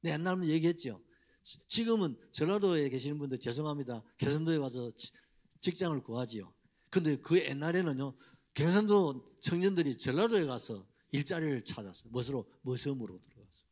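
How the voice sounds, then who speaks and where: A man's voice: fairly high pitch, animated, brisk, a little mellow. A middle-aged man, preaching a Sunday sermon in a church and putting rhetorical questions to the congregation. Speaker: pastor. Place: church sanctuary.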